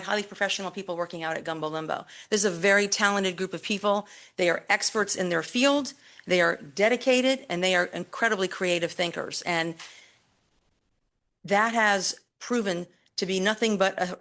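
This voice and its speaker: A city recreation staff member, a woman with a voice on the low side, presents to a public board meeting through a podium microphone. She speaks loudly and emphatically, pausing deliberately.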